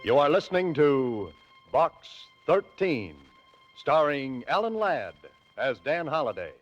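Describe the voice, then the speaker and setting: A male announcer in dramatic 1940s radio style, very slow and swinging widely in pitch. Loud music plays on the muffled vintage recording. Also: sing-song.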